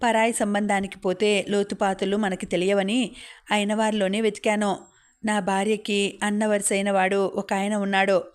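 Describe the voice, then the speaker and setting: A woman's voice: mid-range voice, little pitch movement, normal speed, clean tone, lightly acted. A woman voicing an angry, aggrieved older village man who complains bitterly and indignantly. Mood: recounting.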